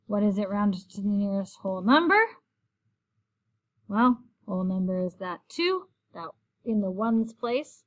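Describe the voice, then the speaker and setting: A woman's voice: medium pitch, animated, measured pace, dull audio. Woman teacher explaining step by step. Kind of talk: recorded math lesson.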